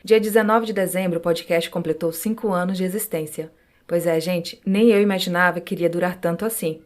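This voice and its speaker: A woman with a Brazilian Portuguese accent, a podcast host calmly reading listeners' true supernatural stories aloud. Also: on the low side, a little fast.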